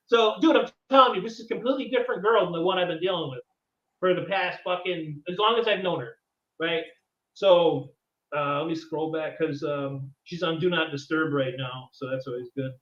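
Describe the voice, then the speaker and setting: A man in his thirties hosts a podcast, and his fairly high-pitched, brisk, slightly bright voice tells a story as an exasperated, profane rant. It's casual ranting chat, recorded in an echoey room on a distant, dull mic.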